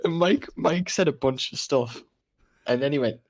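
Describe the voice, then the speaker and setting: Young Englishman, podcast co-host, animated and laughing storyteller. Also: on the high side, normal speed. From England. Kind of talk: casual chat.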